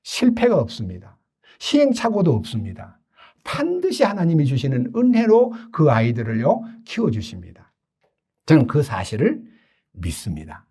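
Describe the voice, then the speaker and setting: This older pastor's sermon is full of animated stories in which he performs the voices of the people involved. His fairly high voice is slightly rough and comes at normal speed.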